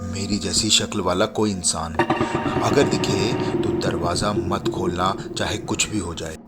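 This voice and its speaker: A man voicing a frightened young man trapped in the dark, urgent and pleading in a hushed tone. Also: low-pitched, steady tone, a little slow. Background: background music.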